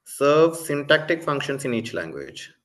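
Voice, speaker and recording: A man moderating an online academic conference, speaking in a halting way with small corrections. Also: a little high, very animated, fairly bright tone. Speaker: academic session chair. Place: online video call.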